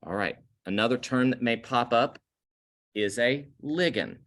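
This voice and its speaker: A male chemistry teacher giving a recorded lecture over slides, explaining slowly, stressing key terms and correcting himself as he goes. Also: medium pitch, fairly bright tone.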